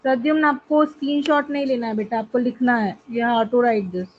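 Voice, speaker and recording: A woman teaching an English class online, switching between Hindi and English and drawing out each example word slowly. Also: fairly high pitch, fairly even intonation, slight background noise. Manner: mixes Hindi and English, slow drawn-out model words. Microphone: video call. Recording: tinny call audio.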